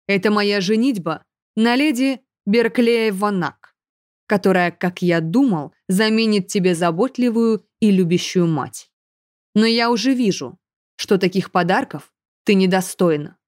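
A woman's voice: medium pitch, measured pace, no echo, clean studio sound, lightly acted. Woman voicing a cold, commanding nobleman. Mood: contemptuous. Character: stern burly male nobleman, cold.

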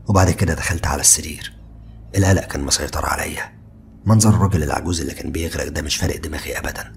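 A man with an Egyptian Arabic accent narrating a first-person horror story, tense and at times hushed. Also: a bass voice, creaky, slight background noise.

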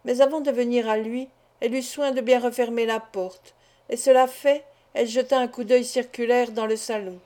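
Woman reading an old novel aloud, measured and steady, soft warm tone, a bit high. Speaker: audiobook narrator. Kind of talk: scripted narration of a classic novel.

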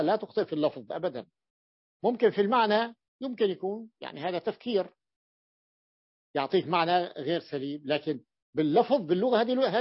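A man teaching an Arabic grammar lesson, explaining slowly, often repeating and restarting words as he works through a point. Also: high voice, no echo. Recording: dull lo-fi dry recording.

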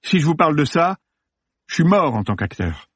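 A man doing a shrill, panicky film star. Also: sing-song, normal speed, fairly bright tone, breathy edge, dry recording, heavily acted. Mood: panicked. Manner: shrill, blustering then pleading. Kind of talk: audiobook character voice.

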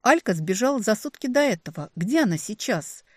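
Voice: mid-range voice, very animated, brisk, dry recording, studio quality, pitched above the performer's own voice. A reader voicing a male dragon, an earnest and worried ally. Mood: concerned. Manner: earnest, concerned.

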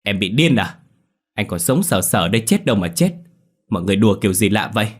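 A man voicing a young husband who has just died, shouting in panic in an audio ghost story. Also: lowish voice, very animated, fast. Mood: frantic, pleading.

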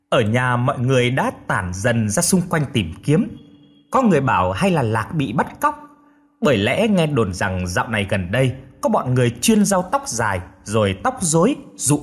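A man narrating an audiobook in a somber, expressive way. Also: mid-range voice, breathy edge.

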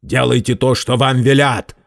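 A man voicing a gruff, bullying male crook who growls slow threats. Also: medium pitch, level tone, dry recording, studio quality, close to an everyday voice. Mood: threatening. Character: gruff bullying male crook, turning whiny when cornered.

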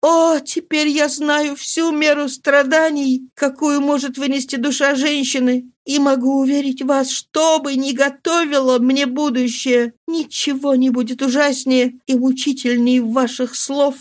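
A woman's voice: high-pitched, little pitch movement, a little slow, few pauses, voice pushed up. A woman reading a novel aloud, voicing a remorseful young wife who pleads tearfully with her husband in a heightened, imploring way. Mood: pleading, anguished.

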